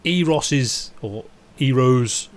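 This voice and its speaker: A man's voice: medium pitch, very slow. Chatty man reviewing an album. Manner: rambling, self-interrupting, with dry chuckles. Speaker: podcast co-host reviewing an album. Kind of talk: casual chat.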